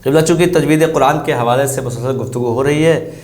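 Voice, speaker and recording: A man's voice: mid-range voice, darkish tone, echoey room. A man hosting a religious quiz program, introducing his guest politely and formally. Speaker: quiz show host.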